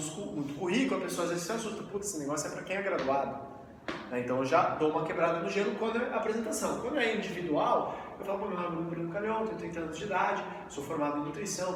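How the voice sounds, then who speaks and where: Full of energy, this man in his thirties from Brazil trains a live audience in network marketing with a high voice, peppering them with questions. Sound comes from a distant mic in an echoey event hall, with slight hiss underneath.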